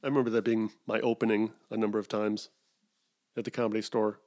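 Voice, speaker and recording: A man's voice: lowish voice, flat delivery, fast, darkish tone. A middle-aged man from Wisconsin hosting a solo podcast, rambling through digressions with self-mocking asides. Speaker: podcast host.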